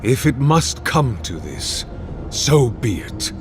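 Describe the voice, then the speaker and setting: An actor voicing a measured, formal, coolly menacing male villain in a video game. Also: mid-range voice, sing-song. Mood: resolute. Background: game music.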